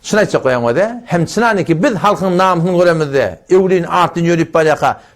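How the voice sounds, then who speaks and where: A man's voice: fairly high pitch, animated, fast. A male Islamic preacher giving a live lecture on family matters, exhorting his listeners emphatically, repeating phrases for stress and quoting Arabic scripture.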